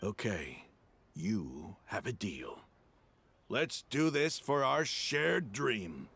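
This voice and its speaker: An actor playing a proud, resolute desert warrior leader in a video game, speaking in an earnest, declamatory way. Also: male voice, on the low side, very animated, very slow, gravelly, a bit bright, husky, exaggerated voice. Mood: resolved.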